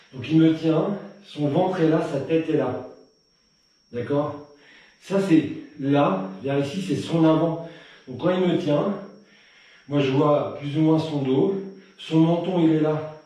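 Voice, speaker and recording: Instructor counting out strikes, echoey room. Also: male voice, a little high, distant mic. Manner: counting out strikes loudly, pushing the pace; relaxed explaining between drills. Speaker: Krav Maga instructor. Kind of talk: live online fitness and self-defense class.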